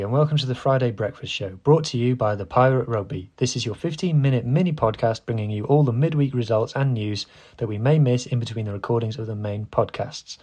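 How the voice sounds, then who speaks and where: A man presents a casual sports news podcast on his own. His voice sits at a medium pitch and he talks in an informal, chatty manner, with a self-deprecating streak as host. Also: a little mellow.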